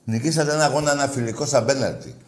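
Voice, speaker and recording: A man hosting a sports call-in radio show, answering callers with gruff, clipped, teasing replies. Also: medium pitch, echoey room.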